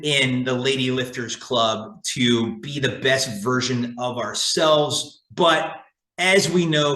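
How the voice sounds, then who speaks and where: A man's voice: mid-range voice, a bit bright. Enthusiastic man hosting in a roomy studio. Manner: enthusiastic, rambling with restarts. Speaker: podcast host. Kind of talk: casual roundtable chat. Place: fitness studio. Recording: roomy echo.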